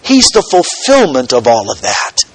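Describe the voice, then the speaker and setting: Slow, earnest male preacher, dry sound. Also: medium pitch, huge pitch swings, husky, no echo, low-quality recording. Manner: slow, earnest teaching with dramatic soft quotations. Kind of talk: sermon.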